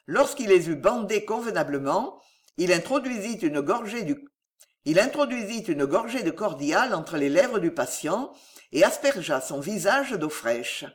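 This is an audiobook reader narrating a historical novel with lively, swinging intonation. The pitch sits in a mid register. The delivery is dramatic and expressive throughout.

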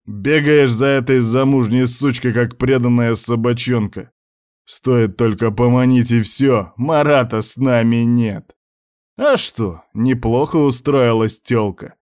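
A male reader voicing a drunk, furious young man who snarls and shouts crude insults. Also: mid-range voice, a little slow, close to an everyday voice. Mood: raging.

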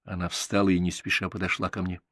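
A man narrating a story aloud in even storytelling style, close to the microphone. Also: low-pitched, fast, no echo. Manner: even storytelling, voicing each character. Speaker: audiobook narrator. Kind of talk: audiobook narration.

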